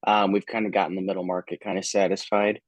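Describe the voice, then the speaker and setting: A man speaking as a store buyer in a sales call, heard over a video call, relaxed and hedging with fillers. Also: low voice, quick pace, no room sound. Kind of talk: casual business talk.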